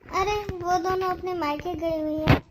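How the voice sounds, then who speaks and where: A woman voicing an ailing, kindly old mother-in-law in a cartoon story, speaking softly and pleadingly. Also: very high-pitched, level tone, normal speed, noisy background. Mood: gentle. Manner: soft, pleading, fond.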